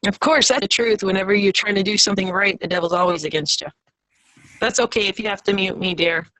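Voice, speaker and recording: A woman's voice: medium pitch, bright, forceful tone, dry recording, poor audio. Woman on a breaking-up call line. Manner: halting, restarting words. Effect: breaking up, spotty call connection. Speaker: caller on a parent advocacy call. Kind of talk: casual call-in talk.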